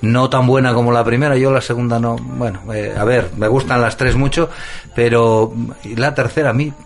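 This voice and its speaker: A man's voice: medium pitch, steady tone, normal speed. A man in casual conversation, speaking bluntly and chiming in with short remarks. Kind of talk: casual chat.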